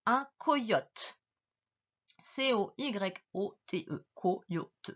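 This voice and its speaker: A woman teacher giving a slow dictation lesson to a young child, patiently stretching words and spelling them out letter by letter. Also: medium pitch, expressive, a bit bright, dull audio.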